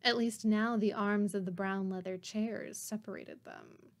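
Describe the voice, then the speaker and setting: A woman's voice: medium pitch, steady tone, unhurried. Woman, podcast host, casual novel read-aloud, wry sarcastic asides. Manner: wry, sarcastic commentary between passages.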